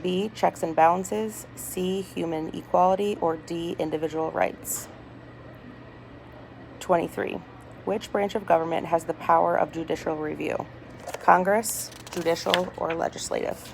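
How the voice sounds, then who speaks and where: A woman reading multiple-choice test questions aloud item by item in a hospital room, deliberately and with small stumbles. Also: fairly low pitch, steady tone, gravelly. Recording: noisy hospital room with background chatter. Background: people talking, ambient noise.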